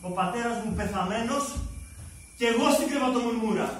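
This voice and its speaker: A male stage actor performing a bitter, sarcastic monologue in a live theatre, swinging between shouting and muttering. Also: extremely high pitch. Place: drama school stage. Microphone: far room mic. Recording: very echoey distant stage recording with noise. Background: audience laughter.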